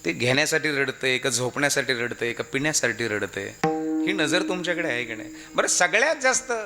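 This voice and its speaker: Animated Marathi kirtan preacher man. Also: high-pitched. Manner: animated, calls out questions to the audience. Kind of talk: devotional kirtan sermon with sung verses.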